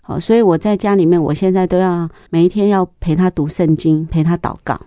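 A middle-aged woman, sharing a church testimony in an interview, telling stories lively and acting out the dialogue. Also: lowish voice, fairly quick, clean tone, dry recording, clean studio sound. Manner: lively storyteller, acts out dialogue, laughs often.

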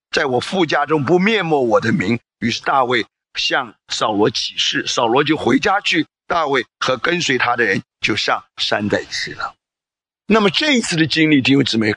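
A man's voice: medium pitch, fairly bright tone, husky, no echo. A man preaching a sermon, reading scripture aloud and pressing the congregation with emphatic rhetorical questions.

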